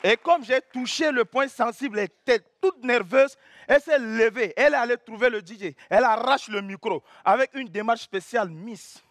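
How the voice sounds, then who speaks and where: A man performing a comic stand-up story, animated and bursting into loud exclamations. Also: very high voice, moderate pace, no room sound. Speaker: stand-up comedian.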